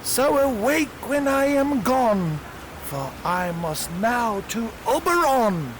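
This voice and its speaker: An actor playing a mischievous servant sprite in a home Shakespeare production, chanting verse lively. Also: mid-range voice, slow pace, background noise. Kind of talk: amateur home Shakespeare performance.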